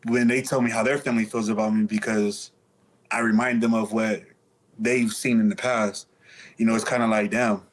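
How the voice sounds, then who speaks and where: A man's voice: fairly low pitch, flat delivery, normal speed, low-quality recording. A man speaking candidly as an interview guest, telling stories casually in streetwise slang with some swearing.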